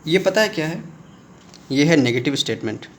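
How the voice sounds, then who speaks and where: A man's voice: very animated, normal speed, a little hiss or hum. Man teaching commerce. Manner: explains with everyday examples, addresses viewers as friends; acts out student questions in a lower voice. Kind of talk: video lecture.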